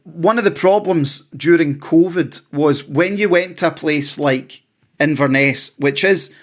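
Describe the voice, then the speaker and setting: Male internet show host, notably high voice, teasing and repetitive, running a casual live interview. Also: a little slow. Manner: repeats phrases, teasing, addresses guest as sir. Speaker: online news show host.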